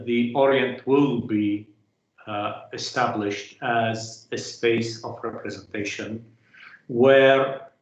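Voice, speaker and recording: Halting male lecturer in an echoey room. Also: medium pitch. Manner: halting, many filler sounds, rhetorical "huh?" checks. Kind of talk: academic lecture.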